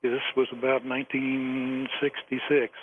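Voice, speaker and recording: A man in his seventies calling in to a radio show over the phone, speaking haltingly and chuckling often between phrases. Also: mid-range voice, monotone. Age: 70s. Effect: caller heard over a phone line. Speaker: caller to a late-night radio show. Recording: tinny phone line with faint noise.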